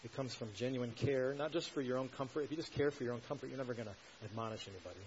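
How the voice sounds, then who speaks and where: A man's voice: medium pitch, very fast, a little mellow. A man preaching a sermon in an earnest, teaching tone, pressing his points with emphatic rhetorical questions. The recording is a little dull, with a faint hiss underneath. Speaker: pastor.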